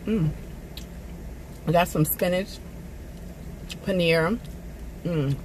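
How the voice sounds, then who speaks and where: A man with a high-pitched voice talks through mouthfuls of food, chewing as he speaks and humming between bites. He records from inside a parked car, with a faint hum of car noise in the background. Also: extremely slow, poor audio. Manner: talks between bites, many appreciative hums. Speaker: mukbang vlogger. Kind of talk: casual food vlog.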